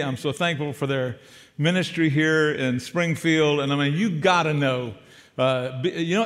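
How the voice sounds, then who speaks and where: A man's voice: on the high side, a bit bright, long reverb tail. An older man with a South Georgia accent preaching as a guest pastor, folksy and joking and calling for amens. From Savannah, Georgia. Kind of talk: sermon. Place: church sanctuary.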